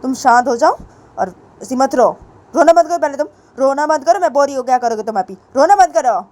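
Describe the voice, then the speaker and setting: A woman's voice: on the low side, brisk, dark tone, breathy edge, dry recording. A woman voicing a male teacher who firmly tells his student what to do, repeating herself. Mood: scolding. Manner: firm, repeats commands. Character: bossy male teacher, scolding then coaxing.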